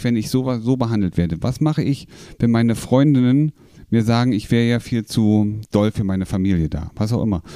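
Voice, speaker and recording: Earnest German-speaking coach with a dark voice. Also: male voice, medium pitch, no room sound, clean studio sound. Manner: earnest, explains with examples and rhetorical questions; frequent tag questions and restarts. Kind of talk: coaching talk in a podcast.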